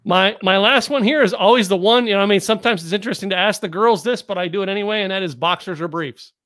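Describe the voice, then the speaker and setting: This Dallas-area podcast host talks at a quick pace in a high, slightly bright voice. During the interview he rambles casually through stories, restarting sentences and chuckling.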